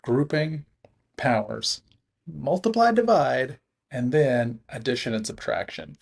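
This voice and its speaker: A man teaching a recorded math lesson, talking through the steps in a relaxed way and chuckling at his own slips. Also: medium pitch, slow, gravelly, husky.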